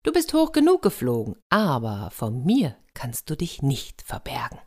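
A woman's voice: sits low, huge pitch swings, moderate pace, darkish tone, husky, full character voice. A woman voicing a proud, stern young princess sorceress in a told fairy tale, speaking in a commanding tone. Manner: commanding, imperious.

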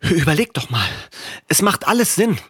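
A man's voice: a little high, moderate pace, no echo, clean studio sound, close to an everyday voice. A man reading a story voices an agitated young man who earnestly believes in conspiracies, speaking urgently and intensely. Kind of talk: audiobook reading.

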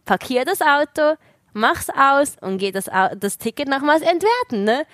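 A woman tells a story in a casual chat. She is animated and laughs often. The close microphone gives a dry, intimate sound. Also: high voice, moderate pace, no room sound.

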